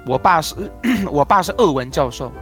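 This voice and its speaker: Casting: a Taiwanese man, a crosstalk performer guesting on a talk show, relaxed and explanatory, with faint music underneath. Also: a little high, moderate pace. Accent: Taiwanese Mandarin. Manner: explains pronunciation with playful spoken demonstrations. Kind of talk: casual interview chat.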